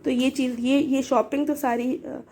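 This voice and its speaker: Hoarse young woman with a cold. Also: sits high, little pitch movement, unhurried, darkish tone, slight background noise. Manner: chatty, explaining items one by one. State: hoarse with a cold, short of breath. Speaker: vlogger. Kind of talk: casual show-and-tell vlog.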